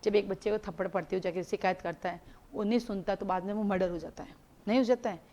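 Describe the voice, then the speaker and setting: A woman teaching a live law class, explaining through lively everyday stories, mixing Hindi with English legal terms and repeating key points for students to note. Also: medium pitch, fast talker. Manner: animated storytelling with everyday examples.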